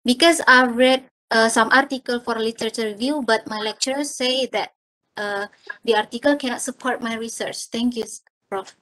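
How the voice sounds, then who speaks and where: A woman's voice: a little high, normal speed, bright, forceful tone, dry recording, low-quality recording. A woman from Indonesia, a student, asking a question on a video call, politely and with some hesitation.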